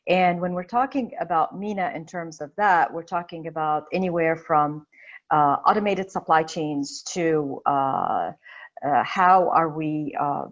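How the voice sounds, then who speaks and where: A woman's voice: deep voice, measured pace, muffled recording. A woman from Egypt speaking as a panelist in an online discussion, thoughtful and full of fillers and restarts. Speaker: webinar panelist. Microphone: video call.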